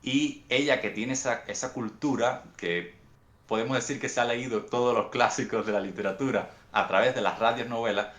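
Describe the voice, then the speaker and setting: A young Cuban man with a Cuban accent, answering interview questions in a thoughtful, unhurried storytelling way, often restarting his phrases. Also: mid-range voice, a bit bright, roomy sound. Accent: Cuban Spanish. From Cuba. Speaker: guest author.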